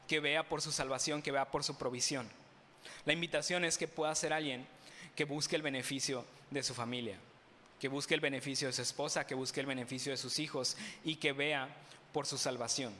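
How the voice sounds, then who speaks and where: Mexican pastor preaching in a reverberant hall. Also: male voice, a little high. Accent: Mexican Spanish. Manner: asks the congregation rhetorical questions, with playful humor. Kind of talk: sermon. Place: church sanctuary. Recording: bright voice with long hall reverb.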